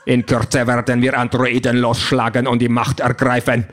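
A man voicing a small, mustached male android doorman with a rasping, absurdly overemphasized voice, speaking in stiff, deliberate phrases for an audiobook. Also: mid-range voice, completely flat delivery, natural voice. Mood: stiff, mock-polite. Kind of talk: audiobook character voice.

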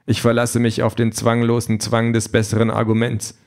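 A man voicing a calm, precise male android politician who explains everything in a measured, matter-of-fact way, in an audiobook. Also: medium pitch, close to an everyday voice. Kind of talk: audiobook reading.

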